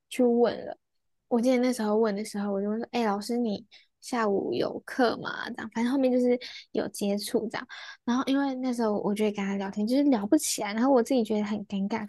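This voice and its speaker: A young woman, a student, chatting casually on a podcast and telling a story with quick laughs, acting out the lines people said. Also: a little high, mellow, dry recording. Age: young adult.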